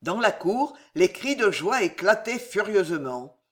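Slow, expressive woman narrator. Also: medium pitch. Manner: expressive, unhurried storytelling. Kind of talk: dramatic audiobook reading.

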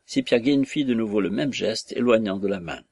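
A man narrating a classic novel as an audiobook in a measured, even storytelling manner. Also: on the low side, creaky, slightly rough, no room sound.

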